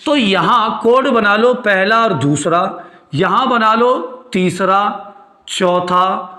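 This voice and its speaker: Male tutor, high voice, quizzing style, roomy echo. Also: takes it slowly, sharp tone. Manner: repeats points, quizzes students with questions; calls students "beti" and "chhote" fondly. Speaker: Hindi grammar teacher. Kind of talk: classroom lecture.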